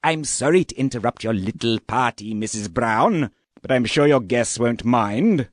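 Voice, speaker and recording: A man's voice: mid-range voice, animated, normal speed, dry recording, studio quality, close to an everyday voice. A man playing a formal, methodical police sergeant in a radio murder mystery, with an officious manner. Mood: accusing. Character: brisk, methodical police sergeant investigating a death.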